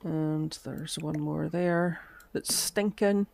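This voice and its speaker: A woman streaming games thinks aloud in soft asides and chats casually, though a lingering cough keeps cutting her voice out. Her voice is low-pitched with vocal fry, her intonation fairly even, and her pace slow.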